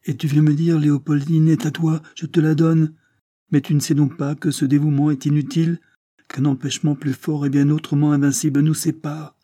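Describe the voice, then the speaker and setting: A man's voice: medium pitch, mellow, husky, no echo, clean studio sound, lightly acted. A man reading an anguished, desperate young nobleman in an audiobook, his voice climbing in impassioned outbursts.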